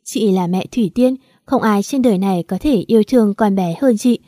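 A woman's voice: medium pitch, brisk, warm tone, no echo, studio quality, natural voice. A woman reading a storybook plays a deceitful, manipulative mother who pleads in a sobbing, melodramatic way.

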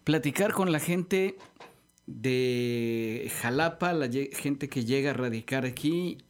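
A Mexican man hosting a relaxed radio chat from a studio, talking in a rambling way with many fillers and restarts. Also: mid-range voice, takes it slowly. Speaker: radio host. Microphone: studio microphone.

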